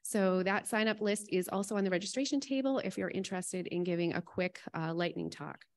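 A woman's voice: mid-range voice, brisk. A woman from Massachusetts giving a conference welcome speech with announcements, chatty and joking, laughing between lines into a podium mic in a conference room.

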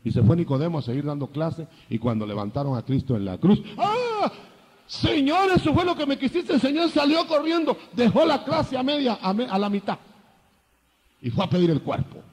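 An older man preaching a sermon, lively, acting out biblical dialogue in changing voices. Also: sits high, moderate pace, husky, in a large hall.

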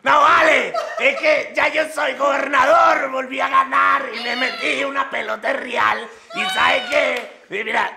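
A man voices a manic, boastful male politician. His voice sits very high and rough with heavy fry. He shouts and laughs his way through each line, with a roomy echo and a crowd behind. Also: animated, moderate pace, background noise, exaggerated voice. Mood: giddy boastful.

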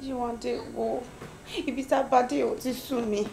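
A weary pregnant wife. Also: female voice, on the high side, fairly even intonation, normal speed, creaky, over music. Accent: Nigerian. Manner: weary, soft, complaining. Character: tired pregnant young wife, weary and hurt.

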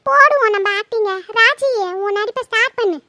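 A woman's voice: very high voice, a little fast, bright, forceful tone, dry recording, clean studio sound, voice pushed up, heavily acted. A woman doing a gloating scheming mother. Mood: gleeful. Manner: gleeful, whispering asides. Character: scheming mother gloating over her secret plan.

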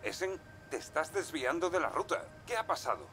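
Stern game commander over music. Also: male voice, on the high side, sing-song, moderate pace, fairly bright tone. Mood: concerned. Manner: authoritative. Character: stern male commander of a sci-fi squad. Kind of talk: video game voice acting.

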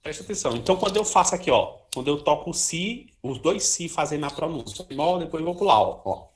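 Speaking fast with a fairly high, animated voice, a man runs an informal trombone lesson. He is chatty, sings short syllables to show articulation, and often tacks "ó" and "né" onto his phrases.

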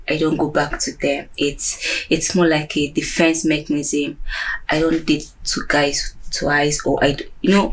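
Tipsy low-voiced Nigerian woman. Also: breathy edge, full character voice, rough recording. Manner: slurred tipsy drawl with sighs and murmurs. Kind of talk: film drama acting.

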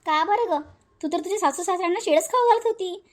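A woman voicing a bold, sharp-tongued young daughter-in-law in a cartoon, taunting and defiant. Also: extremely high pitch, fast talker. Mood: scolding.

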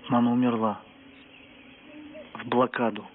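An actor playing an earnest, reserved young soldier, speaking in a plain, restrained way. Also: male voice, medium pitch, little pitch movement, measured pace, natural voice. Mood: sad. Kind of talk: film acting. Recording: phone-like film audio, faint outdoor noise.

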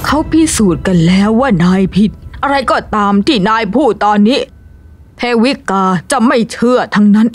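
A woman's voice: a little high, animated, normal speed, faint music behind. An actress playing a scheming woman who mocks and belittles a man, in a dubbed drama. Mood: taunting. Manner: taunting, contemptuous. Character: scheming woman, contemptuous accomplice.

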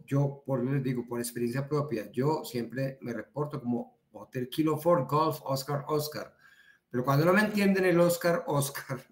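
A man with a Colombian accent giving a training talk in a conversational way, repeating words for emphasis. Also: mid-range voice. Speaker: instructor. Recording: roomy echo.

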